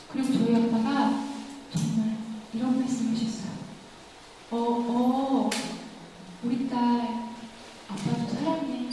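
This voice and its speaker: A woman in her thirties giving a lecture in a university lecture room, telling personal stories and asking the audience questions. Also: high-pitched. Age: 30s. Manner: chatty, warm storytelling, asks the audience questions. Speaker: communication lecturer. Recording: echoey lecture hall from far off, faint noise.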